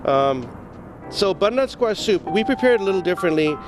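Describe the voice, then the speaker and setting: A man's voice: sits high, lively intonation, a little fast, music in the background. A man from Zimbabwe, an executive chef, giving a chatty, stop-start cooking demo full of fillers on an outdoor patio for morning news.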